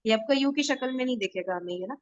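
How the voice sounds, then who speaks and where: A woman's voice: a little high, fast, dry recording, lo-fi sound. A woman tutoring a grammar class, explaining points again in a reassuring way and checking that everyone follows. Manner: reassuring, checks understanding with tag questions.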